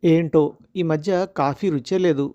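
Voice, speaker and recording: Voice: medium pitch, fairly even intonation, unhurried, warm tone, lo-fi sound, lightly acted. A storyteller voicing a middle-class working wife and mother who is irritable and sarcastic, read in a storybook style. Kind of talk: storytelling dialogue.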